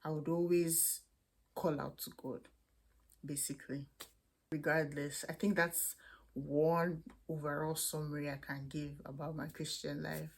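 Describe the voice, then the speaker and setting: Husky and low-pitched, a young Nigerian-accented woman answers viewers' questions about faith and student life in an unhurried, fairly flat delivery. She chats candidly to camera as a vlogger, with frequent restarts.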